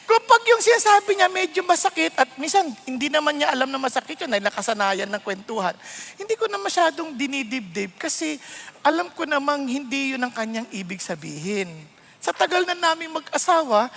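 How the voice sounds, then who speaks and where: A middle-aged male pastor preaching a lively sermon, laughing often and mixing English phrases into his talk. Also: very high voice, creaky, long reverb tail.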